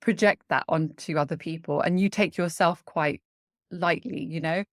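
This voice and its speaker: Hosting her podcast, this woman speaks at normal speed in a lowish voice. She introduces the show and interviews casually, with an earnest, eager and supportive tone.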